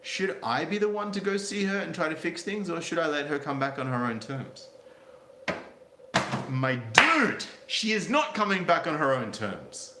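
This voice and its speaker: A man's voice: fairly high pitch, big pitch swings, moderate pace. Male commentary host, blunt and sardonic, casual read-and-react delivery, roomy echo, faint noise behind. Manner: blunt, sardonic, crude asides. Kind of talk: reading out a story with casual commentary.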